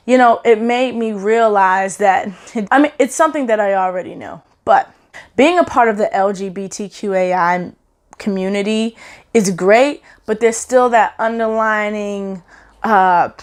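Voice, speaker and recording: A vlog host talking casually at home, candid and laid-back, swearing freely. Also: medium pitch. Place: home, hot room.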